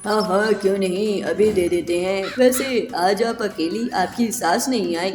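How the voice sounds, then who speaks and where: A woman's voice: medium pitch, unhurried, roomy sound, big-room sound, over music, close to an everyday voice. A woman playing an oily momo vendor. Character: adult male momo street vendor, leering and slick.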